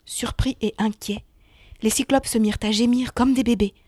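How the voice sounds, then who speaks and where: A woman narrating a children's myth story in an expressive reading voice that sinks to a hush in tense moments. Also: on the high side, moderate pace, no room sound.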